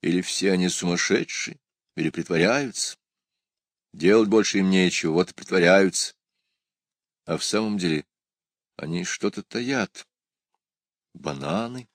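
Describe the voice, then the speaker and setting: A man reading a story aloud in a calm, quiet, even manner. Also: low voice, unhurried, long pauses, no echo, clean studio sound. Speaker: audiobook narrator. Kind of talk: scripted narration.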